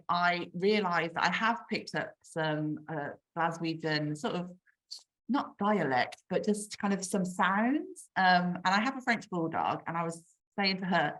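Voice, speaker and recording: A children's author in her forties from England, with a Birmingham accent, chats casually on a video call. Her voice is fairly low and fairly bright, the recording is rough, and she often says um and restarts her sentences.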